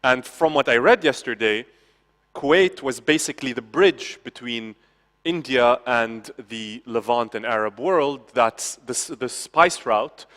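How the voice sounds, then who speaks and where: At a conference hall, a Lebanese man gives a conversational talk, often restarting and tossing in "okay?" asides. His voice is mid-range, unhurried and a bit bright, with hall reverb from the stage.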